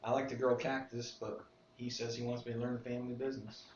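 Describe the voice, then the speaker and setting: A man with a drawl plays his character in an unhurried way. He sits a bit away from the mic in a roomy space. The sound is dull, with a faint hiss. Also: medium pitch, flat delivery, far from the mic. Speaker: player. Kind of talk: in-character table talk.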